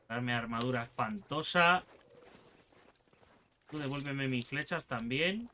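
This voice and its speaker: A man with an accent from Spain giving excitable, foul-mouthed let's play commentary as a gaming channel host, taunting enemies as he plays. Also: on the high side, slight background noise. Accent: Spain Spanish.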